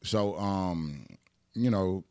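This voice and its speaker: A man in his thirties from Atlanta, Georgia, with a Southern Atlanta accent, tells stories as a guest on a casual podcast interview, laid-back and full of fillers and laughs. His low, dark voice draws out words. The podcast studio recording is studio quality with no echo.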